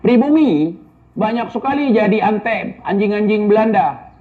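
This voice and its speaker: A man's voice: sits high, moderate pace. A man giving casual spoken commentary and answering viewer questions, blunt and scolding, full of rhetorical questions. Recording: tinny phone-like audio.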